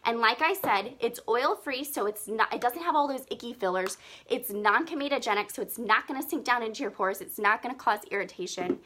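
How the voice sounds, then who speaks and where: Young female live-stream beauty vlogger, excitable and gushing, slightly out of breath, sharp bright tone. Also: fairly high pitch, brisk, slight background noise. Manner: gushing, excitable, lots of "like" and "seriously". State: breathing heavily. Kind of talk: live makeup comparison video.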